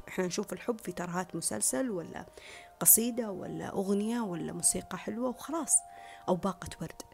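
A woman speaks in an earnest, reflective monologue, with a gravelly, creaky edge to her voice. She drives her points home through repetition and often slips into a soft whisper. Faint music plays underneath. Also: lowish voice. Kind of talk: reflective monologue on love and relationships.

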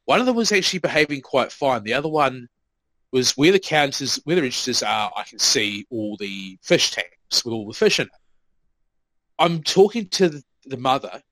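Man, podcast co-host, lively up-and-down pitch, dry close sound, sweary storyteller. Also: normal speed, no echo, low-quality recording. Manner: swears freely, acts out quoted remarks. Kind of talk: casual chat.

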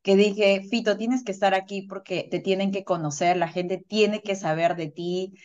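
A woman's voice: mid-range voice, steady tone, moderate pace, a little mellow, muffled recording. A woman hosting a podcast, upbeat and welcoming as she greets listeners and interviews her guest. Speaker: podcast host.

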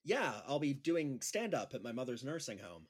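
In a naturalistic audio drama, a man plays an awkward, self-deprecating schoolteacher who is trying his hand at stand-up comedy. His medium-pitched voice is very animated and slightly breathy, moving at a normal speed with a hesitant manner. The mood is awkward but hopeful.

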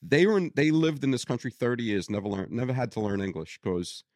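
A man's voice: mid-range voice, animated, fast talker, darkish tone, no room sound, clean studio sound. A middle-aged or older man from Brooklyn with a Brooklyn accent, chatting casually and bantering as a podcast guest. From Brooklyn, New York. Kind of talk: casual chat.

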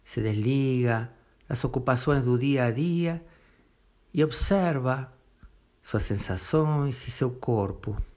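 This man leads a guided meditation with gentle step-by-step directions, keeping his phrases short and leaving long pauses. His voice sits in the mid range.

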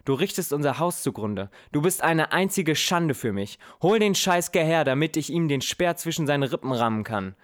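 A man voicing a furious, bitter old king who shouts scornful accusations at his son. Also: a little high, expressive, normal speed, hardly any pauses, pitched above the performer's own voice, lightly acted. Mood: raging.

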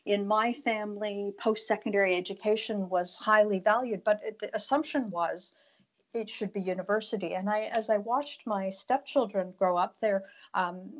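A woman's voice: medium pitch, normal speed. A middle-aged woman gives conversational answers as a guest in an interview. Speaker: podcast guest, broadcast business host.

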